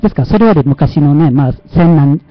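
A man's voice: a little high, animated, fairly quick, no echo, lo-fi sound. A man with a Kansai Japanese accent hosting a casual livestream, chatty and self-mocking, often laughing at himself. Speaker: livestream host.

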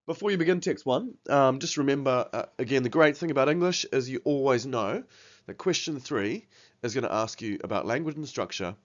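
Speaking at medium pitch with a fairly bright tone, a congested, slightly nasal teacher walks through exam revision slides. He stumbles into restarts and leans heavily on um and uh, and the sound is lo-fi.

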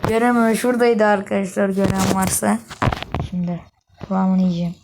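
A young woman giving excitable, casual commentary on her own game play to her viewers, with quick oaths when startled. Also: medium pitch. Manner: excitable, swears under breath, talks to viewers. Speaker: gaming YouTuber. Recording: noisy home recording.

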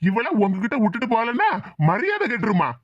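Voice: mid-range voice, sing-song, fairly quick, no echo, lo-fi sound. A voice actor playing a hot-tempered village man with a Tirunelveli accent, scolding and threatening his niece in a cartoon. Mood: angry scolding. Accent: Tirunelveli Tamil.

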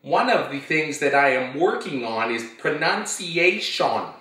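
Young male vlogger, sharp forceful tone, rambling jokey asides, very roomy sound. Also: mid-range voice, big pitch swings. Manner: joking, rambling, quick asides. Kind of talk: casual rambling monologue. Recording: very echoey room.

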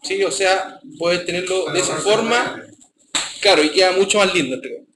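A man's voice: high voice, moderate pace, reverberant, noisy background. A man with a Chilean accent teaching a live programming class, often checking in with his students as he goes.

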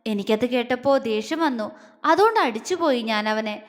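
A woman's voice: fairly high pitch, expressive, moderate pace, long reverb tail, natural voice. A woman reading a tender teasing young husband. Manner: playful coaxing, turning stern at times.

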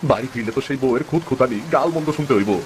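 In a dramatic cartoon story dub, a man plays a poor, good-natured village fisherman and father, speaking plaintively and wearily with a rural eastern Bengali (Bangladeshi) accent. His mid-range voice moves at a quick pace, close to an everyday voice, with slight background noise.

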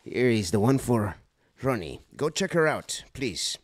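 A voice actor hosting a casual livestream, unboxing fan mail and exclaiming excitedly in a rambling way. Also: male voice, medium pitch, measured pace, a little hiss or hum.

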